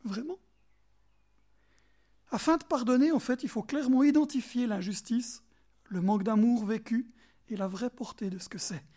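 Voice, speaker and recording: A man with a Bernese Jura French accent preaching a sermon, emphatic and animated, speaking straight to his listeners and sometimes dropping to soft asides. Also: very high-pitched, normal speed, long pauses. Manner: talks directly to listeners in second person.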